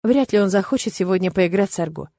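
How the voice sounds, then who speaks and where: A woman narrating an audiobook in an even storytelling manner. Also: mid-range voice, fast talker, no room sound, studio quality. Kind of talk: scripted narration.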